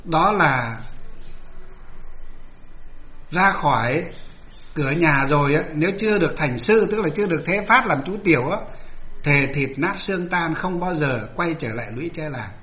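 A man's voice: on the high side, lively intonation, moderate pace, dull audio. A man who is a Buddhist monk from northern Vietnam, telling the story of his ordination in an earnest storytelling manner. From Hoa Binh, northern Vietnam.

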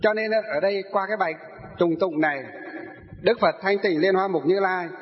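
A man with a high voice delivers a sutra lecture as a Buddhist teacher, asking rhetorical questions and then answering them. The recording sounds dull and muffled. His voice trails off into a long reverb, as in a large hall. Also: moderate pace.

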